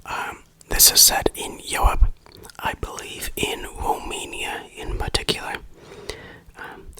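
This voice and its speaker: Someone whispers an ASMR review of a game, the voice breathy and unvoiced, the delivery deliberate and tongue-in-cheek. The recording quality is low.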